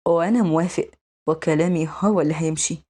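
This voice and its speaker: A woman putting on a cold, protective mafia boss who speaks in a lowered, clipped Egyptian voice. His tone stays curt and firm, a little husky and quick. He sounds like a drama recap's stern gangster. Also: steady tone, mellow. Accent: Egyptian Arabic.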